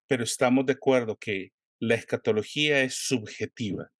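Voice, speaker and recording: A man hosting a conversation, asking questions and pausing to search for words. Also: medium pitch, no room sound, studio quality. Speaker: host. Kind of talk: interview questions.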